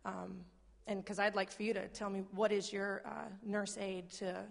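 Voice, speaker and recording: Croaky-voiced woman speaking up in a hall. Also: mid-range voice, level tone, moderate pace. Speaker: audience member asking a question; healthcare worker. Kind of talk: spontaneous public comment. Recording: echoey hall, long reverb.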